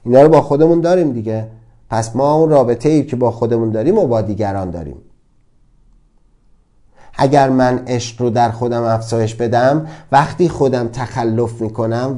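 Man, self-help lecturer, mellow dark tone, emphatic with rhetorical questions. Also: mid-range voice. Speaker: speaker giving a self-help talk. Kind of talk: motivational lecture.

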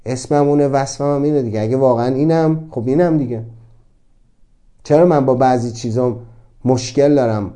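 Earnest and thoughtful, a man with a warm, medium-pitched voice speaks about self-acceptance in a motivational talk, leaning heavily on rhetorical questions.

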